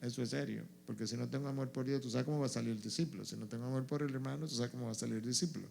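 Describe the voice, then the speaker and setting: A man's voice: mid-range voice, very fast, gravelly, darkish tone, slight background noise. A male pastor answering questions at a church event, stressing his points by repeating them. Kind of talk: church Q&A teaching.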